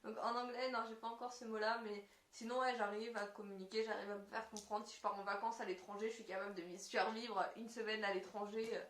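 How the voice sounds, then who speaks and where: A woman co-hosting a casual chat, talking loosely with many fillers and pauses. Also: mid-range voice, flat delivery, a bit bright, a little hiss or hum. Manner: chatty, heavy on fillers like "donc, euh, du coup". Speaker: co-host. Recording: roomy echoey sound.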